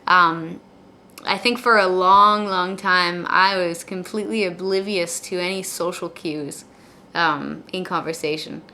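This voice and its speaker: Bright-voiced woman with soft, W-like R's. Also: lowish voice, steady tone, unhurried. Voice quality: soft, imperfect R sounds, leaning toward W. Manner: rambling, repeats words and phrases before finishing. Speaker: video blogger. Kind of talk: casual confessional chat to camera. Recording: clear background noise.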